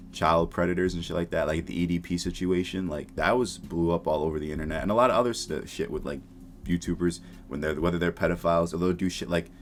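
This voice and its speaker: A deep male voice, with a slight hiss or hum and background music behind it, delivers casual reaction commentary for YouTube. His style is blunt, slangy, and profane.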